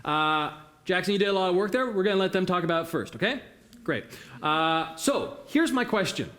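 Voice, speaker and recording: Bright-voiced, encouraging male facilitator. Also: high-pitched, sing-song, brisk. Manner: encouraging, questioning. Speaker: workshop facilitator. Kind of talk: interactive theatre facilitation.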